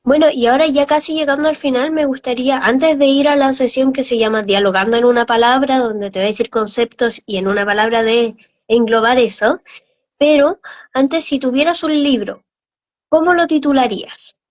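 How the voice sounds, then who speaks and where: A woman's voice: high-pitched, normal speed. A woman hosting a casual interview, friendly, reading out viewer comments and asking questions. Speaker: interview host.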